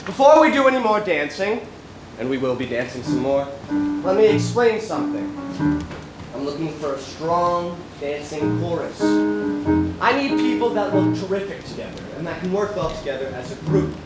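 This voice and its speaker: Girl doing a bossy male director, lowish voice, echoey stage from far off. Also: sing-song, moderate pace, loud music behind the voice. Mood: brisk, commanding. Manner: curt, commanding. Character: stern male director running an audition. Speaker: stage actor. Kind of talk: stage musical acting. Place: school theater stage. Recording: echoey stage, distant mic.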